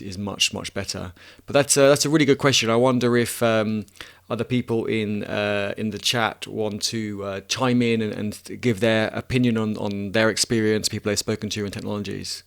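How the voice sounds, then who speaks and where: A man in his thirties chats casually on a live stream, reading chat questions and working through answers out loud. His voice sits a little low, and he often restarts his sentences and laughs at himself. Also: gravelly. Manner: relaxed, thinking aloud with many restarts, laughs at himself.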